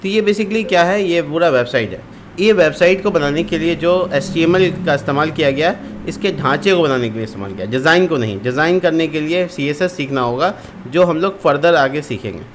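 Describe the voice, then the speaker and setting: A man's voice: on the high side, a little fast, slight background noise. A man teaching a screen-recorded programming lesson, explaining step by step with repeated terms and frequent fillers. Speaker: coding tutor.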